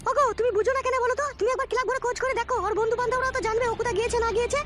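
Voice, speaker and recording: A woman's voice: extremely high pitch, fairly even intonation, racing. A woman playing a worried village mother who scolds and pleads with her husband about their missing son, in a comic audio drama. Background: background music.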